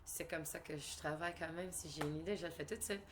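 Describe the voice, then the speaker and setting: Fast and low-pitched with a steady tone, this woman speaks over background noise in a Canadian French accent. She's a singer-songwriter in a relaxed interview, full of fillers, restarts and hesitations, mixing English words into her French.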